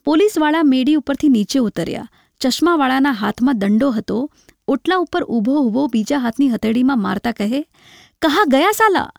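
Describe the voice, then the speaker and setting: A woman reads a literary story aloud, measured and reflective. Her voice is high with a gravelly creak. The sound is close and dry. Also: darkish tone, no echo. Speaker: narrator.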